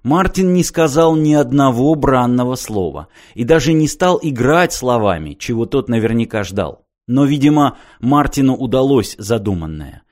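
A man reading a novel aloud in an even, measured storytelling voice. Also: mid-range voice. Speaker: narrator. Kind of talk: audiobook narration.

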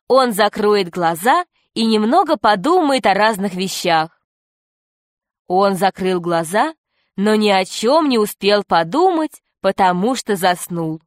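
A woman narrating a children's story for an audiobook, telling it in a steady, clear way. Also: medium pitch, no echo, clean studio sound.

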